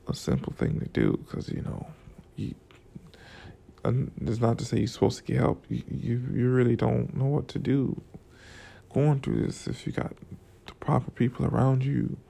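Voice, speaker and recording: Talking about work and money in a casual, profane ramble, this young vlogger from Florida has a groggy morning voice and slides between anecdotes and life lessons. His mid-range voice is warm in tone, slightly rough, and has vocal fry.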